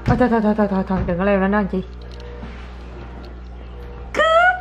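A woman's voice: mid-range voice, fairly even intonation, racing, darkish tone, soft background music. A woman, a mother filming her toddler in a casual home vlog, chatty and exclaiming as she coaxes the child.

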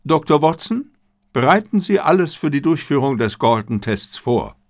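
A man voicing a crisp, insistent detective. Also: fairly high pitch, big pitch swings, normal speed, pitched above the performer's own voice. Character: sharp, commanding male detective.

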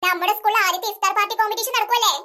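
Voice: extremely high pitch, fairly even intonation, racing, pushed and bright, heavily acted. A voice actor playing bossy little schoolgirls in a cartoon, chirpy and scolding. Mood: wheedling. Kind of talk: cartoon voice acting.

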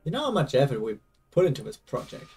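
A man's voice: medium pitch, huge pitch swings, fast talker, darkish tone, slightly rough, distant mic, exaggerated voice. A man reading aloud as a young male game protagonist, confused and anxious, over faint game music.

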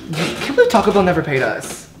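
A woman's voice: lowish voice, huge pitch swings, fast, slight background noise. A young woman vlogger reading fan fiction aloud for laughs with a friend, giggly and brash, swearing freely. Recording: roomy echo, faint music.

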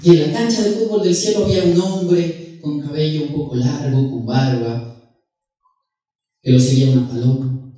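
A man with a Colombian accent telling jokes on stage in a lively, playful way. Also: on the high side, normal speed. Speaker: comedian. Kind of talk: stand-up joke telling. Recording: echoey room, mic far off.

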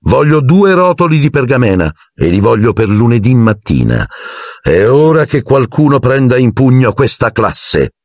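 A man's voice: medium pitch, very animated, normal speed, a little mellow, dry recording, studio quality, pitched above the performer's own voice. A man voicing a cold, sneering male teacher who speaks with icy, silky menace in an audiobook. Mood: icy contempt.

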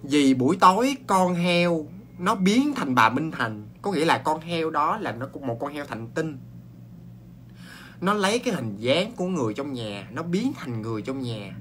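A man with a Southern Vietnamese accent telling a ghost story in a chatty, animated way, full of exclamations and restarts. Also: fairly high pitch, moderate pace, a little hiss or hum.

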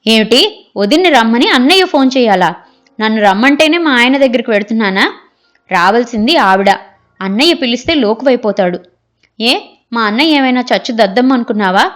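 Woman doing bossy scheming sister, higher and shrill, indignant. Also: expressive, a little fast, fairly bright tone. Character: scheming, sharp-tongued younger sister.

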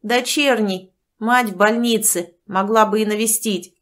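A woman voicing a grumpy adult brother who talks to his sister in a gruff, accusing, blunt way. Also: medium pitch, fairly even intonation, a little slow, fairly bright tone, lightly acted. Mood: reproachful.

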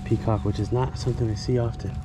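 A man casually narrating his fishing out loud by a suburban lake, now and then talking to the fish, recorded on an action camera. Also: fairly low pitch, fairly even intonation, fast. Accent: South Florida English. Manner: chatty, self-narrating, mutters to the fish. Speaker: fishing vlogger. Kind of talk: casual running commentary while fishing. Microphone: action camera on body or bike. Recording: outdoor camera noise.

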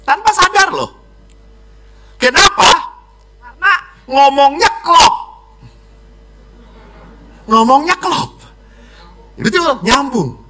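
Animated, bright-voiced priest preaching a homily. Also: male voice, very high voice. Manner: lively preaching, acts out children and wives in quick voices.

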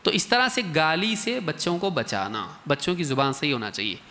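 A man giving a colloquial, lively religious workshop talk, acting out exchanges between parents and children. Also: fairly high pitch, normal speed. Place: large mosque hall, indoors. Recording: reverberant mosque hall.

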